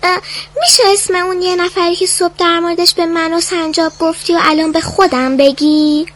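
A woman's voice: very high-pitched, lively intonation, bright, forceful tone, exaggerated voice. A woman voicing a small squabbling field mouse and a squirrel in a children's storybook reading. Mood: pleading.

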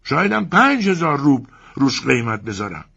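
A man voicing a greedy, arrogant male crocodile owner who speaks in a loud, haggling, proud way. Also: medium pitch, big pitch swings, creaky, slightly rough, dull audio, pitched above the performer's own voice, full character voice.

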